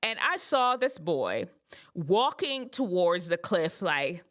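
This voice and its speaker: A woman hosting an advice show, telling a personal story in a casual, expressive way. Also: lowish voice, takes it slowly. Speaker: host giving advice to teens.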